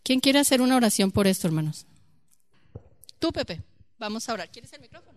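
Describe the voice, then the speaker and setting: A fairly high-voiced woman teaching her church group, animated and full of rhetorical questions. The sound is dry and close, with no room around her. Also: a little fast, no room sound. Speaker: Bible study leader.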